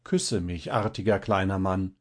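A man voicing a kindly, doting older village pastor who speaks in an earnest, unhurried way. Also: sits low.

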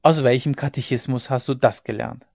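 A male reader voicing a stern, fiery dike-reeve who shouts commands to workers in a storm. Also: mid-range voice, fairly even intonation, brisk, vocal fry, no echo. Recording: slightly dull lo-fi recording.

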